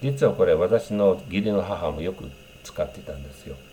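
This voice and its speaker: Brief: male English teacher, low mellow voice, relaxed explainer with lots of fillers. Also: slight background noise. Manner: unhurried, explanatory, many fillers, demonstrates English phrases. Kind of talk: casual spoken lesson on English greetings.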